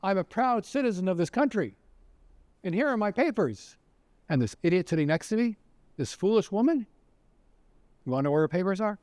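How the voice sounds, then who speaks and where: A man voicing a male train passenger who loudly scolds a woman as if she were his careless wife. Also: on the high side, animated, fairly quick, dry recording, close to an everyday voice. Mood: exasperated. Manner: shouting, exasperated ranting.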